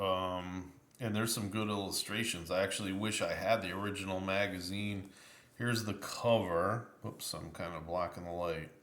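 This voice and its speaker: Slow, halting man with an echoey room. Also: lowish voice, fairly bright tone. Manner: slow, rambling, many ums and uhs. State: tired, yawning. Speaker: tabletop game book reviewer. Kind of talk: casual spoken review of a game book.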